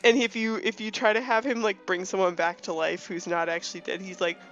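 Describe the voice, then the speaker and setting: A woman's voice: medium pitch, steady tone, brisk, faint music behind. A woman in her twenties chatting casually about a game, talkative and often restarting her sentences. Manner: chatty, self-correcting, many restarts. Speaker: co-host.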